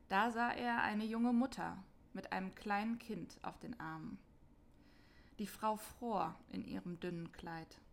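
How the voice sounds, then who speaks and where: A woman calmly narrating a scripted Christmas story for children in a clear reading voice. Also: mid-range voice.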